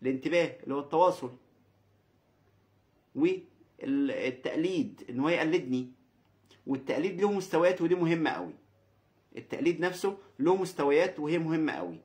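An Egyptian Arabic-accented man lecturing at a quick clip, his voice sitting slightly high. He lays out each point in order and keeps checking that the audience is following him. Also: expressive, darkish tone. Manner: explains step by step, often checking in with listeners. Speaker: specialist giving a lecture. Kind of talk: explanatory lecture.

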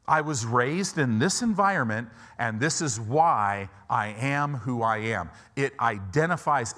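Wearing a lapel mic on an indoor church auditorium stage, a fifty-something American pastor from Chicago and Southern California delivers a conversational sermon, stressing points emphatically through repetition. His voice is mid-range and a bit bright.

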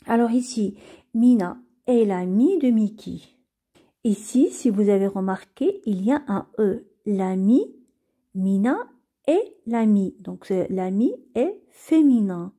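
Slow, dark-voiced woman teaching French. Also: mid-range voice, expressive, slightly rough. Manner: patient, repeats and spells out words. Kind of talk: slow reading lesson for beginners.

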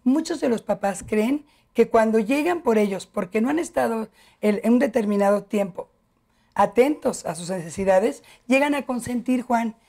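Gravelly, dark-voiced woman. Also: fairly high pitch, moderate pace. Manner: warm, didactic, addresses host by name. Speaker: family education expert guest. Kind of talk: TV talk show interview.

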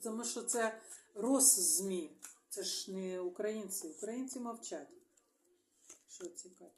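A Ukrainian woman, a tarot reader, talking alone to her viewers in a halting way, thinking aloud and murmuring small agreements to herself. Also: mid-range voice, a little mellow, a little hiss or hum. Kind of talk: solo video monologue. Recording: echoey room.

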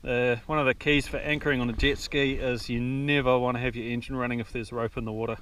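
A relaxed man in his thirties from New Zealand walks through his fishing setup in a plain, practical way while out on a jet ski. His voice sits at an ordinary middle pitch. Wind and water rush loudly around the action-camera mic. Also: fast talker. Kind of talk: casual how-to narration. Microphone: action camera mounted on the craft. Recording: windy outdoor action-camera audio. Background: wind and water noise.

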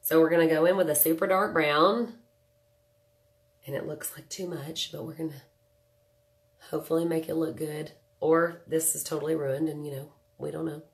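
A chatty webcam host in her thirties talks with a low, lilting voice, stuffy-nosed from a cold, keeping a fairly even intonation and moderate pace. Indoors in a small home room, she runs a casual live makeup tutorial, joking and greeting viewers by name.

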